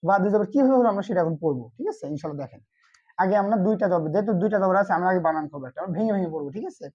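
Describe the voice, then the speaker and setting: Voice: medium pitch, animated, racing, darkish tone, slightly rough, lo-fi sound. A Quran reading teacher giving an online lesson, asking short questions and answering them himself.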